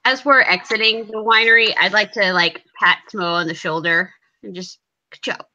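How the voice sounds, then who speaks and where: A woman's voice: mid-range voice, normal speed, pushed and bright, highs cut off. A woman playing in a tabletop game, describing her actions in a rambling, self-correcting way. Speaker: player. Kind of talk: casual tabletop game chat.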